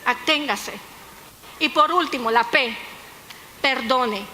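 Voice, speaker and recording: Bright high-voiced woman pastor. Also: slow pace. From Nicaragua. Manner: lively storytelling with humor and asides to the congregation. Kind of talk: sermon. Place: church hall. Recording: echoey hall with faint noise.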